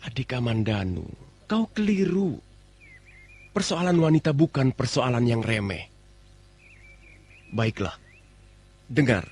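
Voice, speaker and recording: An actor playing a persuasive, poetic young nobleman and elder brother in a theatrical old radio drama style, with a husky voice. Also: medium pitch, sing-song, slow, long pauses, darkish tone, heavily acted. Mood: poetic, lecturing.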